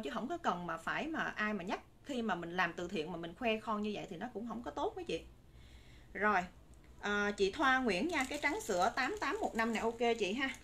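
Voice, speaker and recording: A Southern Vietnamese woman sells live in a fairly high, bright voice. Her pitch is persuasive and repetitive, addressed straight to viewers. Faint noise sits behind her in a phone recording made indoors. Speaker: live-stream shop seller. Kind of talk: live sales patter, talking to viewers. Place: indoor room with curtains and bagged stock. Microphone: phone a short distance away. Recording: noisy room recording on phone.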